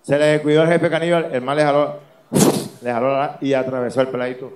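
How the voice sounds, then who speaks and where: A man from Colombia with a Caribbean coast accent, telling stand-up jokes and jumping into loud character voices and sound effects. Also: medium pitch, flat delivery, quick pace, reverberant. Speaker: stand-up comedian.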